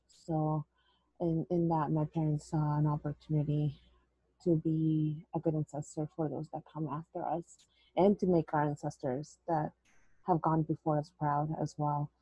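A woman's voice: sits low, level tone, normal speed, mellow, breathy edge, no room sound, low-quality recording. A woman, a guest telling her story earnestly in an interview, dropping in words. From El Salvador. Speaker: guest, educator. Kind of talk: interview conversation.

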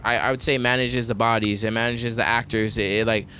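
A man's voice: medium pitch, fairly even intonation, fairly quick, sharp tone, a little hiss or hum. A young man co-hosting a podcast, joking and teasing his friend, swearing freely. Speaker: podcast co-host. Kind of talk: casual chat.

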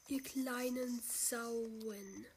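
A woman giving casual gameplay commentary, chatting along, swinging between loud outbursts and quiet mutters. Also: a little high, fairly even intonation, very slow, slightly rough. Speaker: gamer.

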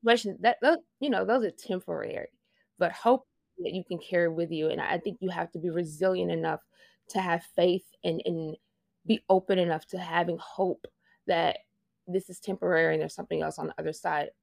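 A fashion project manager from Louisiana, speaking with a Southern accent, is a guest in a casual conversational interview. Reflective and earnest, she talks a little fast in a lowish, steady, somewhat creaky and mellow voice, often laughing and restarting phrases. The recording is close and dry, with no echo or room sound.

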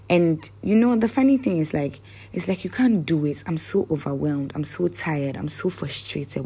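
Woman vlogger, unhurried and gravelly, casual and searching. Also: lowish voice, a little mellow. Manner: rambling, searching for words. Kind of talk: casual motivational talk.

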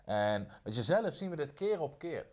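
A man preaching a sermon, emphatic, repeating phrases and slowing down on key lines. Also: on the high side, sing-song, a little mellow.

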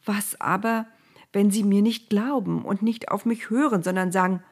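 A woman's voice: fairly even intonation, moderate pace, slightly rough, close to an everyday voice. Moses, a woman doing a nervous, protesting shepherd. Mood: agitated. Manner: agitated, interrupting, higher and louder than the narration. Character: anxious, reluctant shepherd Moses, man, easily startled. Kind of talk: storybook reading.

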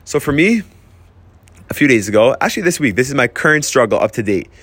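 A man's voice: mid-range voice, very animated, quick pace, a bit bright, dry recording. A young man talking earnestly about handling emotions, telling personal stories with frequent restarts. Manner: earnest, storytelling, with restarts and "I'm like". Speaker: host sharing personal advice. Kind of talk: reflective personal talk.

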